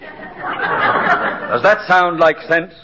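An actor playing a pompous, easily flustered, lovelorn mayor with formal speech in a 1940s radio comedy. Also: male voice, sits high, lively intonation, drawn-out words, a loud crowd, full character voice. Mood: wounded indignation. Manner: formal, dignified, indignant. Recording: muffled, hissy 1940s radio recording.

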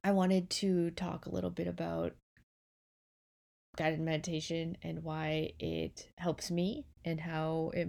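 A woman's voice: on the low side, creaky, a little mellow. A woman hosting a casual solo podcast from her bed, chatty and rambling, sounding a little stuffy with a sore throat. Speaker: podcast host. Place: in bed indoors.

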